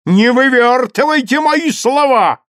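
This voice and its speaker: A man's voice: high-pitched, wildly swooping pitch, takes it slowly, dry recording, studio quality, voice pushed up, heavily acted. A man doing a wheezing, bellowing old duke. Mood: blustering. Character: blustering old male duke, gruff and domineering.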